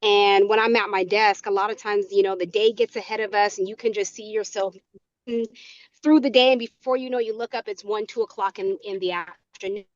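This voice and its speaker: A woman's voice: mid-range voice, fairly even intonation, a little fast, dry recording. Woman calling in on the phone from her car, kinda muffled and dry, line keeps cutting out. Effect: over a phone line that breaks up. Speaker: call participant. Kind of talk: casual group video call. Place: in a moving car.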